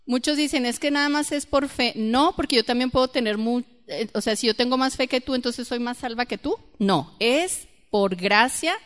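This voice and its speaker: A woman's voice: on the high side, normal speed, hardly any pauses, fairly bright tone. A woman teaching a church Bible class, often quizzing the group and repeating her key points. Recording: reverberant hall.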